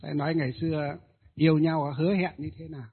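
A man, a Buddhist ritual master, tells a ghost story in a hesitant way, with many filler pauses. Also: fairly high pitch, level tone, husky. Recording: tinny phone-like audio.

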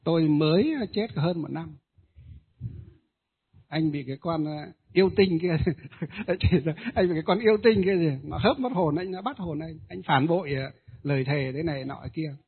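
A man's voice: a little high, normal speed, husky. A man voicing the grieving, jealous ghost of a young wife who died, accusing and wailing. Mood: bitter. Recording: tinny phone-like audio.

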